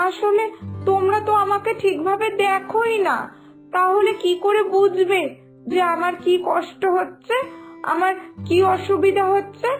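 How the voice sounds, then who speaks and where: In a Bengali animated moral story, a woman voices a whiny, sulky young sister-in-law who frets over her looks. She complains in an extremely high, pouting, dramatic voice, with music behind her.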